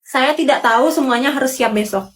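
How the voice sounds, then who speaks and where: A woman playing a strict but kind female schoolteacher in a comedy skit, with a high voice and a bossy, motherly manner. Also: brisk, natural voice. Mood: stern. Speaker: English teacher in a skit. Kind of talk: comedy skit role-play.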